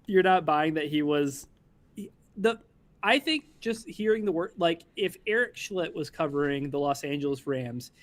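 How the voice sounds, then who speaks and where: A man's voice: on the high side, lively intonation, normal speed. A man co-hosting a casual sports podcast, joking and rambling as he talks.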